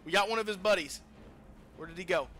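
Speaking fast in a high register, a let's play host delivers loose gameplay commentary. He swears a lot and trash-talks with plenty of energy.

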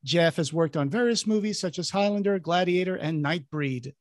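A man in his thirties from Portugal hosting a podcast over a headset, halting with many fillers. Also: high-pitched, no room sound, studio quality. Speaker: podcast host. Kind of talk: casual video-call chat. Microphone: headset over video call.

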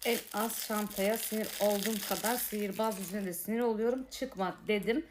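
A woman talks casually to her viewers as she opens toy packs, exasperated and grumbling. Her voice sits at a middle pitch. The home recording carries clear background noise and the crinkle of wrappers being torn. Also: fairly even intonation, a little fast. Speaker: unboxing vlogger. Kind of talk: casual unboxing chat to viewers. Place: apartment room.

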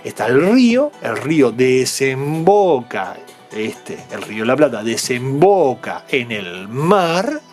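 Lively man explaining toys. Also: mid-range voice, slow pace, faint music behind. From Argentina. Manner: patient, explanatory, keeps checking in with the viewers. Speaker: toy unboxing vlogger. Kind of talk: explaining to young viewers while unboxing.

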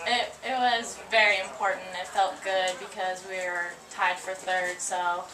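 Young woman, softball player, brief replies, distant mic, roomy press box. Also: medium pitch, little pitch movement, unhurried, a crowd in the background. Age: 20s. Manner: brief, simple answers. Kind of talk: postgame interview. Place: small wooden press box at a ballfield. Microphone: headset mic. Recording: echoey, distant, noisy outdoor ambience.

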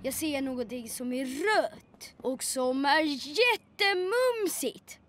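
A woman's voice: sits high, animated, a bit bright. A woman dubbing a playful young boy prince in a children's cartoon, using grand royal phrases. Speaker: cartoon character. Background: children's music.

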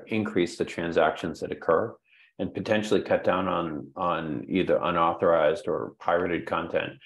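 Older male guest, very low gravelly voice, measured and halting. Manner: measured, repeats words while thinking. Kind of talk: conference interview answer. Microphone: webcam video call.

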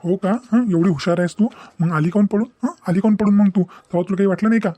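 A man voicing a fast-talking, sneering cartoon boyfriend. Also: sits high, fairly even intonation, dark tone, dry recording. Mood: taunting. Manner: dismissive, taunting, fast-talking. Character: young deceitful city boyfriend, bossy and threatening. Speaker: cartoon character. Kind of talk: Marathi cartoon voice acting.

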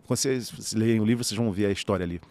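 A Brazilian man recounting a personal story as a podcast guest, talking rapidly and animatedly, peppering his speech with "né" and "cara". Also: fairly low pitch, a little mellow, dry recording. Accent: Brazilian Portuguese.

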